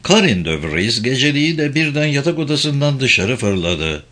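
A man narrating a thriller audiobook in a measured storytelling manner. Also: medium pitch, very animated, fairly bright tone. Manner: measured storytelling with acted dialogue.

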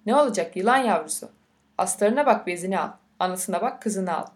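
A woman's voice: medium pitch, lively intonation, fairly quick, natural voice. A woman voicing a bitter, vain old grandmother in an audiobook reading, with a scolding, scornful delivery.

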